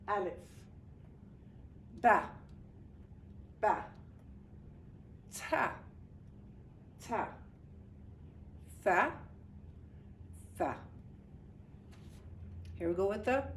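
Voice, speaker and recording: A woman's voice: mid-range voice, fairly bright tone, slight background noise. A woman teaching a beginner language lesson in a classroom, patient and encouraging, repeating sounds and praising often. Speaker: Arabic teacher. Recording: echoey room, distant mic, faint ambience.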